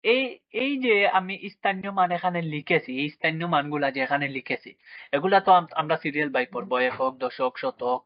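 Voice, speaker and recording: Male teacher, fairly high voice, patient question-and-answer drilling, dry close sound. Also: fast talker, dry recording, muffled recording. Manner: asks questions and answers them himself, with frequent check-ins. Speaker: math teacher. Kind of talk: classroom lesson for children.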